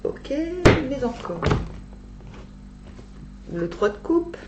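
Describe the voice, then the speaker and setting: An echoey, slightly dull recording of a woman reading tarot for her viewers with a retainer in her mouth. She takes her time, pausing to think aloud and rephrase as she goes. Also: a little high, big pitch swings. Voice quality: speaking with a dental retainer in. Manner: halting, thinking aloud with pauses and self-corrections. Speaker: tarot reader. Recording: echoey room, dull sound, faint hum.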